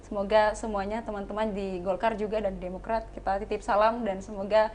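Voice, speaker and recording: A woman's voice: medium pitch, a little fast, slight background noise. Polite woman hosting a talk show. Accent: Indonesian from South Sulawesi. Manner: steady affirming backchannels, polite formal sign-off.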